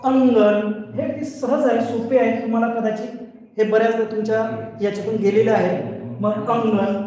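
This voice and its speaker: A male teacher with a high, warm voice gives an online grammar lesson for a scholarship exam, speaking at normal speed with little change in pitch. He explains patiently, poses questions and answers them himself, and goes over each rule several times. He sits far from the mic in a very echoey hall.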